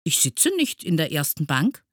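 A woman voicing a cheeky, calm childlike creature who answers in a friendly, matter-of-fact way in a storybook reading. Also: sits low, normal speed, no echo, clean studio sound, voice pushed up, exaggerated voice. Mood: cheerful.

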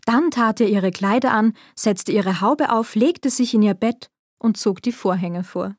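A woman narrating a fairy tale in a calm, measured storytelling manner. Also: medium pitch, dry recording, clean studio sound.

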